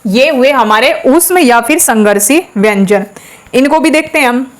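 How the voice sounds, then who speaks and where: A woman teaches a class with a slightly high voice. She goes step by step, stops to ask questions and then answers them herself. She sounds out each letter slowly for the class to repeat. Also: animated. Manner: says sounds aloud slowly for practice. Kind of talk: classroom lesson.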